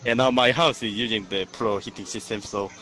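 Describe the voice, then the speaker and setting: A man taking part in a casual group chat, speaking halting non-native English and swearing casually. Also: fairly low pitch, steady tone, noisy background. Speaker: club participant. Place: online voice chat.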